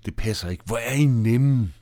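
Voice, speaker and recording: A man's voice: medium pitch, no room sound, close to an everyday voice. A man reading aloud as a teasing, self-assured girl. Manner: teasing and calm.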